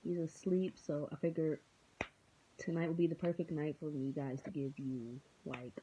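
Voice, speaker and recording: A woman's voice: low-pitched, fairly even intonation, moderate pace, warm tone, slight background noise. A tired young woman in her twenties chatting casually to her viewers at home at night, rambling off the cuff with lots of ums and a goofy streak. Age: 20s. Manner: rambling, unscripted, many filler ums. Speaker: vlogger. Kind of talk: casual vlog chat. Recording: dull lo-fi sound.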